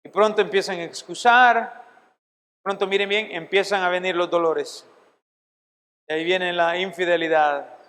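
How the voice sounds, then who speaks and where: With a high, slightly bright voice, this middle-aged man delivers a Bible lesson to seminary students, preaching emphatically and asking the audience questions. His intonation is fairly even, his pace moderate, and he pauses often, all within a long hall reverb.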